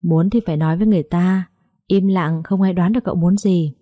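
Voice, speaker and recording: A woman's voice: lowish voice, steady tone, a little fast, dark tone, no room sound, clean studio sound, natural voice. A woman voicing a blunt, exasperated young male surgeon in an audiobook story.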